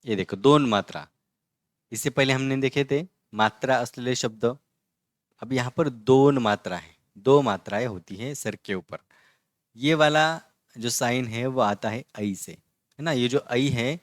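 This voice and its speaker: A man of ordinary pitch teaches an online language lesson in a relaxed, chatty way. He breaks words into single syllables, says them slowly, and keeps asking whether the viewer follows. The sound is dry and close, with no room echo. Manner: often asks checking questions.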